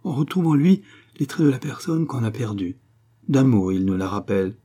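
Man voicing a count, pompous, self-satisfied, lecturing, dark husky voice, lifted pitch. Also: lively intonation, normal speed. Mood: grandiloquent. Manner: grandiloquent, lecturing, full of himself.

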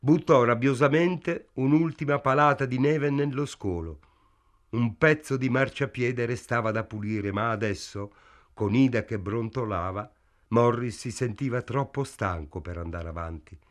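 A man narrating a novel as an audiobook in a measured, even literary reading style. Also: medium pitch.

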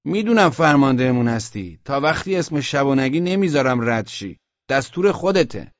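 A man's voice: medium pitch, big pitch swings, no echo, in a large hall, pitched above the performer's own voice, natural voice. Man doing a stubborn young soldier on guard. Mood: stubborn, insistent. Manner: insistent, raised, stubborn voice. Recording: dull lo-fi dry audiobook recording.

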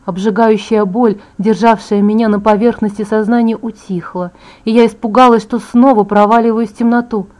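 A woman reading a first-person audiobook with a dramatic, expressive delivery. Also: on the high side, moderate pace, few pauses. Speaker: audiobook reader.

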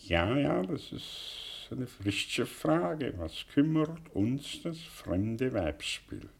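In a German radio drama, a male actor with a lowish voice plays a melancholy, sardonic exiled professor. His heavily acted performance muses and declaims, broken by long pauses.

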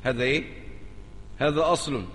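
A man's voice: medium pitch, fairly quick, a bit bright, in a large hall, a little hiss or hum. A man with an Egyptian accent, a sheikh teaching a religious lesson and explaining a text, who talks emphatically, repeats key phrases and keeps urging listeners to pay attention. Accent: Egyptian Arabic.

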